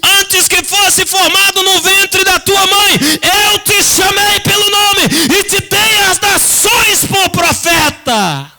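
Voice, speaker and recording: A Brazilian pastor delivers a passionate sermon at a church service, his voice extremely high for a man, very bright and tense. He speaks slowly with few pauses, emphatic and dramatic, repeating phrases and speaking directly to his listeners.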